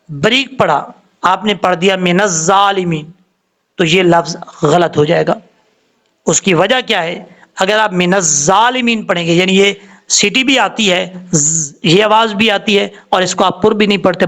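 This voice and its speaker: A man teaching a tajweed lesson, spelling out letters and vowel marks before he draws the recited words out slowly. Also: high-pitched, fairly bright tone. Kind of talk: slow step-by-step tajweed lesson.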